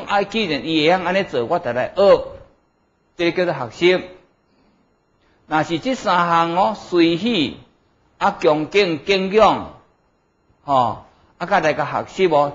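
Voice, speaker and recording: A middle-aged man with a Taiwanese Hokkien accent, a Buddhist monk giving a didactic Dharma lecture with frequent checking questions and interjections. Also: fairly high pitch. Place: indoor lecture room at a desk before a blackboard. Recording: dull lo-fi lecture recording.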